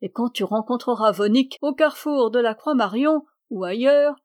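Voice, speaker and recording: A woman's voice: a little high, expressive, moderate pace, a little mellow, no room sound, studio quality, natural voice. A woman reading the part of a mischievous, boastful male dwarf who mocks and teases in a playful way, in a storybook. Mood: mocking. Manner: mocking and playful.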